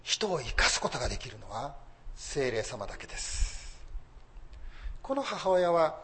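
Male pastor, sermon delivery, somewhat high voice with animated intonation. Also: a little slow. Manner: lively preaching, rising emphasis on key phrases.

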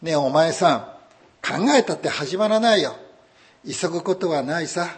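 A nagging, greedy old wife from a folk tale, put on by a male preacher speaks in a raised, shrill voice. Her pitch swoops widely as she coaxes and scolds. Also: expressive, normal speed, lightly acted. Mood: coaxing. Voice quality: high, shrill when upset. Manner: coaxing, then shrieking. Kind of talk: folk tale told in a sermon.

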